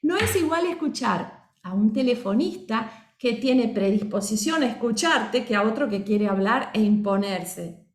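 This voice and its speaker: A woman gives a voice lesson, her voice sitting a little high. She explains step by step and keeps checking that her class is following along. The sound is roomy and reverberant. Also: expressive, measured pace. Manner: explanatory, acts out example voices. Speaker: voice teacher. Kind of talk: course lecture.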